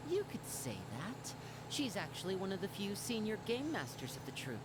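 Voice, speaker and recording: A woman voicing a genial, courteous young performer in an anime-style game, polite and easygoing, over loud noise. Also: mid-range voice, very animated, normal speed, natural voice. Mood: friendly. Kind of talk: English anime-style video game dub acting.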